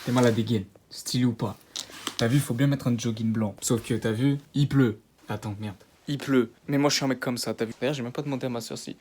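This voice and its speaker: A young man vlogging while he drives, muttering low in slangy street talk, then bursting into loud exasperated rants. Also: fairly even intonation, brisk. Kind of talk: casual vlog monologue while driving. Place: inside a car on the road. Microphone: phone mounted in the car. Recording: road and engine noise.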